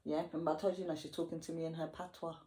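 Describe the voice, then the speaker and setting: A woman tells a story to her followers while getting ready. Her voice sits a bit low, and she slips into slang and dialect voices as she acts out each scene. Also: little pitch movement, rapid-fire, mellow. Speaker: vlogger. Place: home.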